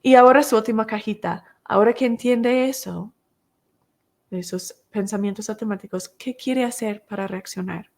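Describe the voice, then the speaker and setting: A woman's voice: a little high, normal speed. A woman leads a recovery class recorded as a podcast. She walks through each step and keeps asking rhetorical questions to guide her listeners.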